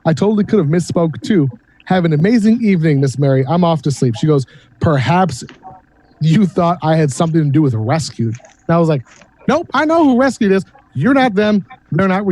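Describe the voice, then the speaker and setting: High-voiced guy on a video call telling a story, bouncy pitch, lots of swearing. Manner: animated, swearing, acts out quotes. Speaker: host. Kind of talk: casual storytelling chat.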